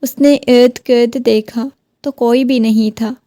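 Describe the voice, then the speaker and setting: A woman narrating a romance novel in a steady, plain storytelling voice. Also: on the high side, no echo, clean studio sound. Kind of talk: reading a romance novel aloud.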